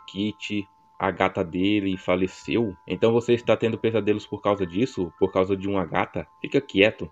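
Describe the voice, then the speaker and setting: Deep-voiced young Brazilian man reading a game. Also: darkish tone, highs cut off. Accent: São Paulo Portuguese. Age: 20s. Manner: casual, slangy asides to viewers. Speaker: gameplay narrator. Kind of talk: reading a story game aloud with casual asides.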